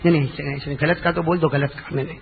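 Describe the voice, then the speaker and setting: A man preaching a devotional sermon who chants verses in a slow, drawn-out melody and urges the audience to answer him aloud. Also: a little high, steady tone, creaky, narrow, tinny audio, slight background noise. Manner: calls on the audience to respond aloud.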